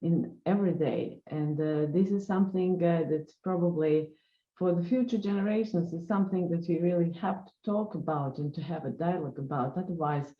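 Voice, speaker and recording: A woman's voice: fairly low pitch, a little fast, roomy sound, dull audio. A woman moderating a panel discussion, searching for her words with many fillers.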